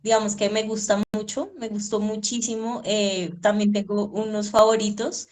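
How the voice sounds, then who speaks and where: A woman's voice: medium pitch, little pitch movement, moderate pace, darkish tone. A woman telling a story in a casual, rambling way, full of fillers and restarts. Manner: chatty, rambling, many fillers like 'como que'. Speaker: reader and guest. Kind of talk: casual conversation.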